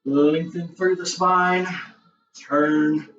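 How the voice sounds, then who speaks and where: A man teaching a beginner yoga class, giving calm, encouraging cues with casual asides and getting a little out of breath. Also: on the high side, extremely slow. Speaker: yoga instructor. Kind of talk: guided yoga class instruction. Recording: roomy, distant, dull camera audio with faint music.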